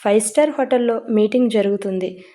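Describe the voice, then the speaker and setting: Soft-toned woman telling a story. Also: a little high, a little fast. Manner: steady storytelling, mixes English words. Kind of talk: audio story narration.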